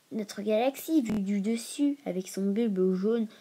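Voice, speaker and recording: A woman with a warm, mid-range, slightly rough voice and a stuffy nose from a cold hosts a casual educational video. She reads aloud and breaks into informal asides whenever she stumbles over long words.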